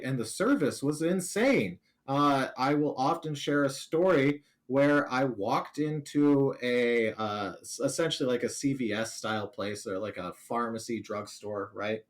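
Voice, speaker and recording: Lively American man telling jokey stories. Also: mid-range voice. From United States. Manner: animated, jokey, self-deprecating anecdotes. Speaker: streamer guest. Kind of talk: casual interview storytelling.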